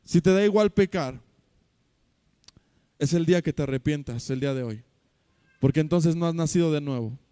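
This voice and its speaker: A man with a Mexican accent preaches to his church in a high, mellow voice. He tells stories and acts out the people in them. The sound is dry and close, with no room echo. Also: moderate pace, long pauses, smooth. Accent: Mexican Spanish. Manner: animated storytelling with acted quotes, swinging loud to soft. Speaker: pastor. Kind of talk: sermon. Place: church hall.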